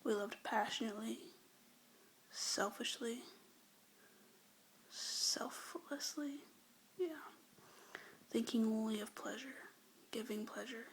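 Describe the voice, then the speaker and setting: A young woman whispers love poems, breathy and soft, close to a phone or webcam mic, with hesitant, rambling asides between them in an ASMR-like style. Her voice is fairly high and slow, with long pauses and slight background noise.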